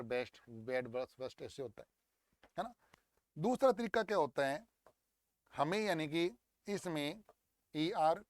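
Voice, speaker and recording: Lively male English teacher. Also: on the high side, no echo. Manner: lively, coaxing, drills words aloud. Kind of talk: exam paper walkthrough lesson.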